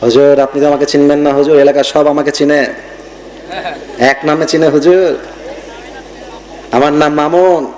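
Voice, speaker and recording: A swaggering young small-time local boss, as a preacher puts him on boasts that the whole area knows him. The voice sits fairly high and carries through an echoey loudspeaker system. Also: male voice, flat delivery, normal speed, long pauses, lightly acted. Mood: boastful. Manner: boastful, self-important. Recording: echoey PA-amplified gathering.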